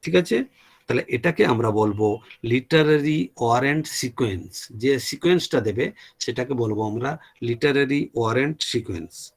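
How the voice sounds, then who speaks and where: A man delivers a classroom lecture at a medium pitch. He spells out terms word by word, as if for note-taking, and switches into English for the technical phrases. Now and then he stops to ask whether everything is clear. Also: lively intonation. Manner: dictates terms slowly, mixes English terms into Bengali, checks with "clear?".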